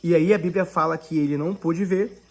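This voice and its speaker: Husky Brazilian woman preaching fervently. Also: lowish voice, fairly quick. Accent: Brazilian Portuguese. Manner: fervent, addresses listeners as brothers, swings between loud and hushed. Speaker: devotional preacher. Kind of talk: online Bible devotional preaching.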